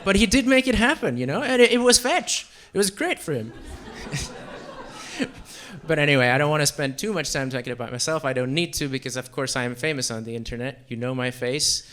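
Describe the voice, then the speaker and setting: A young man from Central Europe performing a self-deprecating stand-up set on a comedy club stage, with deadpan delivery and frequent fillers. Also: medium pitch, a little fast. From Czech Republic and Slovakia.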